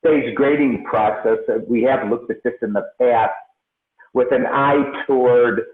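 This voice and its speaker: A man's voice: mid-range voice, steady tone. Man echoing as if in a tunnel. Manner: hesitant, many filler pauses. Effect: echoing tunnel sound, as if underwater. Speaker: presenter at a meeting. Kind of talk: formal presentation on a call. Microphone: remote call from a computer. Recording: echoey tinny video-call audio.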